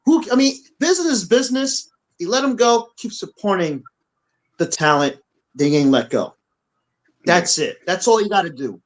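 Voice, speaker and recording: Brief: high-voiced male podcast co-host, blunt and profane, repeats himself mid-rant. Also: normal speed, low-quality recording. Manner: blunt, repetitive, profane, animated. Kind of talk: heated opinion rant. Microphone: on camera.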